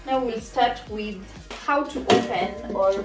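A woman's voice: on the high side, slow. A young woman from Tanzania casually reviewing a kitchen appliance at home, chatting and thinking aloud as she shows each part. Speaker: cooking vlogger. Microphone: camera mic from a few feet away. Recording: roomy kitchen sound, mic at a distance. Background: background music.

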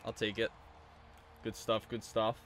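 A young man giving rambling, casual live commentary on a hockey video game he is streaming, breaking into excited cheers when his team scores. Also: fairly low pitch, a little slow, a little hiss or hum. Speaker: gaming streamer.

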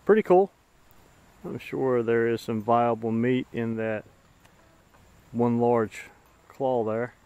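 A man's voice: mid-range voice, slow, long pauses, mellow, smooth, lo-fi sound. A middle-aged man narrating a hike as he films it outdoors on a woodland trail, talking in an easygoing, folksy, plain-spoken way. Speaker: bushcraft channel host. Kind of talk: casual narration while filming on a hike.

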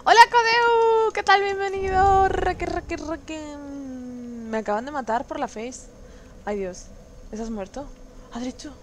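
A woman from streaming a game, chatting with her viewers and exclaiming loudly at what happens on screen. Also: high-pitched, unhurried, background noise. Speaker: gaming streamer. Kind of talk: let's play commentary.

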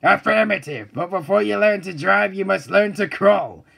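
Cartoon male drill instructor: high, husky, blustering, barking military commands. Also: moderate pace, fairly bright tone, full character voice. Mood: commanding. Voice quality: gravelly, husky. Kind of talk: cartoon voice acting.

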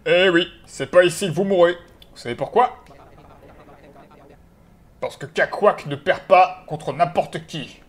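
A man voicing a boastful male villain in a game, slow and pompous, who talks about himself in the third person. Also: sits high. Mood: smug. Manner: slow, pompous, self-satisfied delivery.

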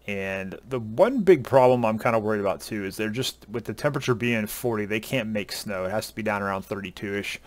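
A man's voice: on the low side, brisk, few pauses, dry recording. Easygoing man with a headset. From Southern US. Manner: relaxed, rambling with many uhs and ums. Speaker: ski vlogger. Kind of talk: casual chat to camera. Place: home room at a desk.

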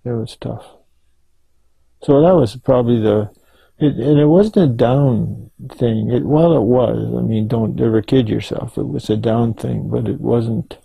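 An older man telling stories in an oral history interview, halting and rambling, with many restarts. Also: mid-range voice, gravelly, mellow, husky, dry recording, rough recording. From Canada.

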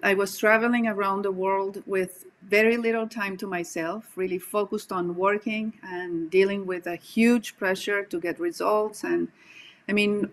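A Colombian woman in her forties, a native Spanish speaker with a Colombian accent and a mid-range voice, appears as a coach guest in a casual video-call interview from a home room. She speaks earnestly and reflectively, pausing often with "um".

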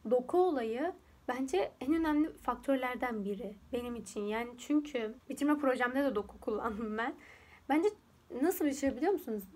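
A woman's voice: on the high side, darkish tone. A young woman chatting casually at home as she walks through a photo edit, rambling and laughing often. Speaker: YouTuber teaching photo editing. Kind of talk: casual screen-recorded tutorial chat.

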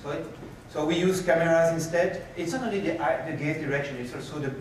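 A man giving a conference keynote and answering questions, animated and moving about the stage, recorded from a far camera in a lecture hall. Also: on the high side, fast, a little hiss or hum. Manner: animated, gestures while pacing the stage. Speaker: keynote speaker. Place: lecture hall with projector screens. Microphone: far room camera.

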